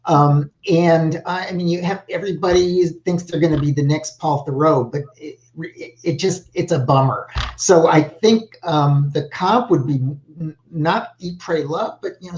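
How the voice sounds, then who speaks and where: Older man, literary agent, halting and rambling, muffled video-call audio. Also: a little high, darkish tone. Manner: halting, lots of 'you know' and restarts. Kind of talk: panel feedback on a video call. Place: home office with bookshelves.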